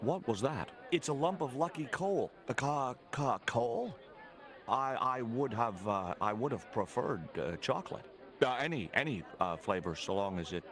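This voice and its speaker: Stammering, conspiratorial goat from a game. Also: male voice, lowish voice. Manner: stammering, hesitant. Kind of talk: video game voice acting.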